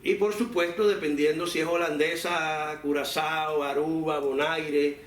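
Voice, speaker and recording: Man, slightly high voice, discursive academic interviewee, echoey room. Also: steady tone, unhurried. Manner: discursive, frequent filler phrases like "digamos". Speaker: academic researcher being interviewed. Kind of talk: explanatory interview answers. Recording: echoey room, distant mic, faint noise.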